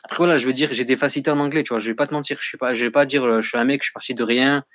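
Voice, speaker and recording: A young man who is a guest in a casual chat, speaking in a slangy, chatty and animated way. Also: mid-range voice, rapid-fire, no room sound. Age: young adult.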